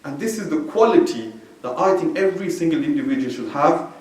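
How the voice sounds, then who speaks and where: A man from Belgium gives a conversational sermon in a mosque hall, padding his talk with "you know" as he goes. His voice sits on the high side. He stands back from a stand mic, so the sound is distant and swims in heavy room echo. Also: lively intonation, fairly quick, darkish tone. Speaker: religious speaker. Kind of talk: informal sermon.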